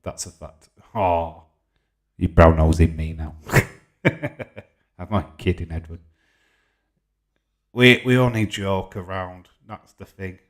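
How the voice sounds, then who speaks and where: Speaking slowly and leaving long pauses, a fortysomething live stream host from Yorkshire, England, reads comments out and banters casually in reply. His voice is low and carries a Yorkshire accent.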